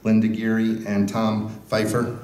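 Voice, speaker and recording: A man's voice: lowish voice, monotone, measured pace, a little mellow, slight background noise. A man chairing a public hearing, making brief polite procedural remarks. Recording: echoey hall.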